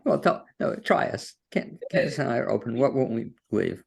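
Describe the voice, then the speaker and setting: A man hosts an interview podcast via video call from his home studio, folksy and rambling, with fillers and restarts. His mid-range voice is expressive, gravelly, husky and a little mellow, and he speaks a little fast.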